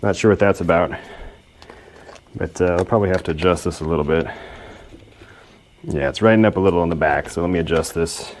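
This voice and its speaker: Low-pitched and fairly quick, pausing often, this repair video host narrates hands-on work in a workshop with casual self-deprecating humor. A little hiss or hum sits on the recording.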